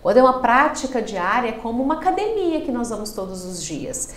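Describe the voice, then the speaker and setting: A Brazilian woman speaks as a podcast guest, her voice a touch high. She explains like a speech therapist, pushing her pitch and loudness up and down for emphasis. The studio around her sounds roomy and echoing. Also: brisk. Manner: expressive, swings pitch and loudness to make points.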